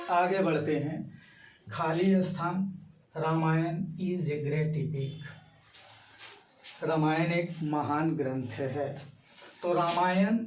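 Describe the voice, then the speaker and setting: A man teaching an exam-prep grammar lesson, explaining each answer option slowly and step by step. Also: on the high side, a little mellow, a little hiss or hum. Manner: slow, explanatory, walks through each option. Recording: echoey room, mic far off.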